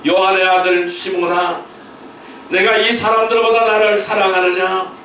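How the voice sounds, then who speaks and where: A man pastor quoting a gentle, forgiving Lord calling a failed disciple, in a tender, slow, inviting voice, recorded in a church sanctuary. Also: high voice, level tone, a little hiss or hum, pitched below the performer's own voice. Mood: earnest questioning. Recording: very echoey hall, mic at a distance.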